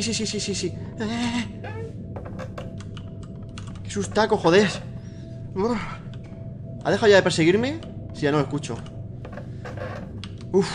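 A man with a Spain Spanish accent doing excitable horror game let's play commentary at a desk mic, swearing and shrieking when startled. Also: high-pitched, background noise. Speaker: gaming YouTuber. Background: game music and keyboard typing.

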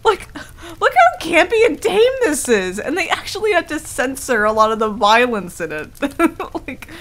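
A woman with a high, slightly bright voice, big pitch swings and normal speed plays a prickly, easily flustered tsundere werewolf in an intimate, casual ASMR roleplay. She's enthusiastic yet defensive, stammering when embarrassed and swearing, with background noise clearly audible.

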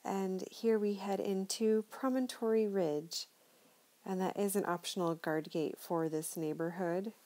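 A woman's voice: mid-range voice, a little slow, warm tone. A middle-aged woman chatting enthusiastically as she narrates a tour of her neighborhood from inside a moving car. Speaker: local real estate tour guide.

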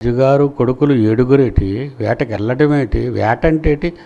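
A man's voice: mid-range voice, normal speed, gravelly, dark tone, dull audio. A man preaching a sermon, retelling nursery rhymes in a sing-song storytelling way.

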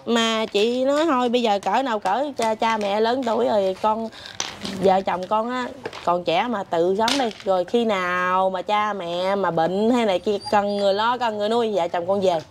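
A woman's voice: mid-range voice, moderate pace, slight background noise. A woman, telling her family's story in casual chat. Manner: animated storytelling with laughs. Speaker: interviewee.

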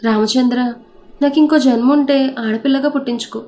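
A woman's voice: high voice, fairly even intonation, moderate pace, darkish tone, natural voice. A woman voicing a fiery young heroine. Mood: tearful pleading. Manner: pleading and defiant, prays aloud. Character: frightened, fiery young woman, devout and proud.

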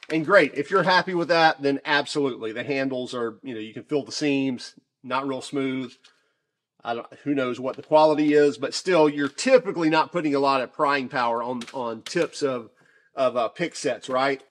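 A man casually reviewing shop tools off camera, talking in a chatty, relaxed way with many fillers and restarts. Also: medium pitch, normal speed. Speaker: tool reviewer.

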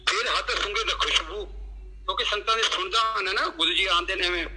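A man's voice: high voice, fast talker, sharp tone, husky, faint music behind, rough recording. A middle-aged man telling a devotional story from his own life to a congregation, acting out what he and others said. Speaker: devotee sharing a satsang experience.

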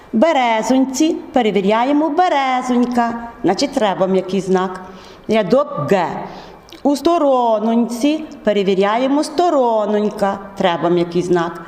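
A woman teacher explaining spelling rules step by step, in a measured, methodical way. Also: a little high, darkish tone. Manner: measured, methodical, drawn-out words. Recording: echoey room with long reverb.

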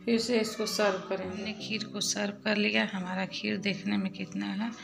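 A woman hosting a cooking channel, talking viewers calmly through a recipe step by step in a voice-over. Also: medium pitch, normal speed, vocal fry. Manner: calm step-by-step explaining, addresses viewers as friends. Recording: echoey room with music behind.

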